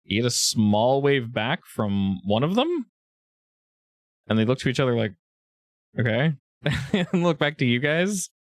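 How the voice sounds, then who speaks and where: A man's voice: mid-range voice, lively intonation, measured pace, dry recording. A man running a tabletop game, narrating casually as game master.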